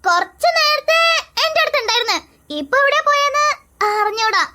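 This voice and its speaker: A voice actor playing a feisty young woman in a cartoon with a sharp, mock-annoyed tone. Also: extremely high pitch, lively intonation, a little fast, background noise. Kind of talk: cartoon voice acting.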